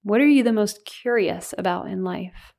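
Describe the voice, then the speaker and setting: A woman's voice: mid-range voice, vocal fry. Soothing woman guiding a meditation. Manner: soothing, unhurried delivery with gentle pauses. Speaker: meditation guide. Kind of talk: guided meditation.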